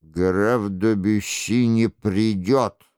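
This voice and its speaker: A man's voice: a little high, animated, takes it slowly, smooth, no echo, studio quality. A man reading an audiobook, voicing a stern young nobleman who speaks harshly and accusingly.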